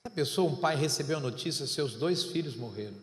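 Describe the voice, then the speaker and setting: A male pastor preaching a sermon, swinging from quiet, low passages to loud, shouted exhortation. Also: lively intonation, fairly quick. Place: large church hall. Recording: echoey church hall with long reverb.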